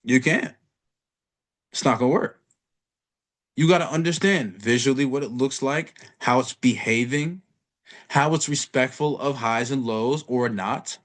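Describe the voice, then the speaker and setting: A man's voice: medium pitch, measured pace, long pauses. Blunt, profane man teaching trading. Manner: blunt, profane, streetwise slang, addresses viewer as bro. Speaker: trading educator. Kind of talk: casual screen-share trading lesson.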